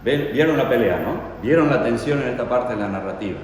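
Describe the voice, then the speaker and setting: Animated preacher in an echoey hall. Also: male voice, medium pitch, a little fast, far from the mic, a little hiss or hum. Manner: dramatic storytelling with rhetorical questions to the congregation. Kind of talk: sermon.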